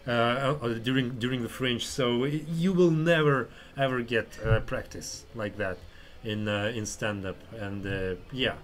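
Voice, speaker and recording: A Russian man with a Russian accent, a podcast host and stand-up comedian, leads a casual chat in a medium-pitched voice. He speaks a little slowly with hardly any pauses, sounding hesitant and rambling and swearing often.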